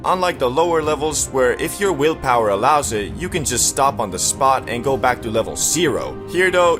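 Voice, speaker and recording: A man narrating as a YouTuber in a comedic storytelling style, with casual, slangy, joking delivery. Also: medium pitch.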